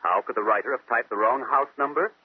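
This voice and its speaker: Lightly acted, a man takes on the role of a brilliant, methodical American detective, laying out his deductions step by step like a 1940s radio mystery. His medium-pitched, slightly rough voice sounds confident and explanatory, reasoning deliberately through questions and answers. It comes through muffled and phone-like, as on a vintage radio recording.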